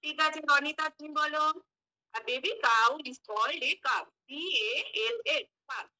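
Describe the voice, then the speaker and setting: Bright high-voiced woman teaching children. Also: slow pace, rough recording. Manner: spells words letter by letter, asks and answers questions; mixes English phrases into the lesson. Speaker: teacher candidate giving a demo class. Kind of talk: mock classroom teaching.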